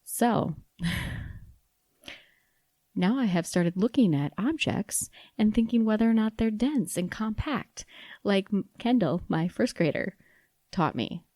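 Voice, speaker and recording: A woman's voice: mid-range voice, animated, takes it slowly, pauses often, warm tone, no room sound, clean studio sound. A woman in her thirties hosting a podcast, talking casually and self-deprecatingly to other mothers. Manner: chatty, self-deprecating, with restarts. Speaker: podcast host. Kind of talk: casual solo podcast talk.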